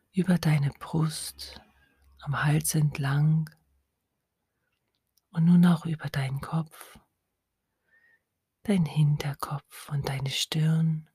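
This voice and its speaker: A woman whispering a slow, soothing guided hypnosis close to the mic. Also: deep voice, dark tone, husky, no room sound.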